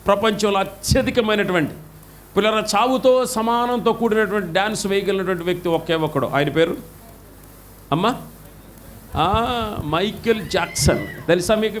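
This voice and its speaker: A middle-aged pastor from India preaching a sermon with passion, his voice swinging from loud highs to low drops. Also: a little hiss or hum.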